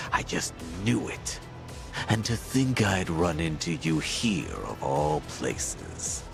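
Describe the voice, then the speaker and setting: A man playing a menacing, thrill-hungry middle-aged yakuza villain in a video game, with a gravelly, taunting drawl. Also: rumbling low, exaggerated voice. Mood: menacing glee. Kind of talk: dramatic video game acting.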